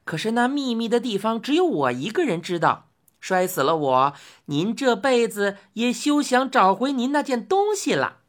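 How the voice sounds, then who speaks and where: A woman doing a shrill stammering tiny boss. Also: very animated, normal speed. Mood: sly. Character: sly squeaky tiny male boss. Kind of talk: storybook reading.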